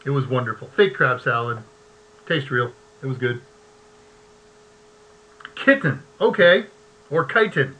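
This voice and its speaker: Chatty bright-voiced man hosting. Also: medium pitch, big pitch swings, measured pace, pauses often, low-quality recording. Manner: chatty, reads poems aloud, laughs often. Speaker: host. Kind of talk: live tech show chat.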